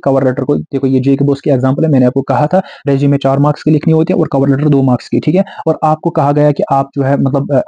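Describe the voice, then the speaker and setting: A young man teaching exam writing skills, constantly checking in with his students and slowing down to dictate English phrases. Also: mid-range voice, mellow, breathy edge, no room sound. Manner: repeats "theek hai" and "bhai sahab", slows down to dictate English phrases. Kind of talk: exam-prep lecture. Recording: dull lo-fi dry sound.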